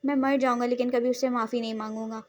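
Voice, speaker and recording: Jealous, stubborn young man, storybook reading voiced by a woman, high and brooding. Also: flat delivery, quick pace, close to an everyday voice. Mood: sullen.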